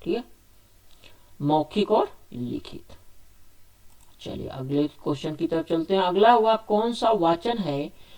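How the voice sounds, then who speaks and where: A man's voice: high-pitched, animated, takes it slowly, vocal fry, pauses often, a little mellow. A male teacher running a spoken exam quiz lesson. He reads each question, asks it aloud and answers it himself, restating the options again and again. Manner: repetitive, restates options several times.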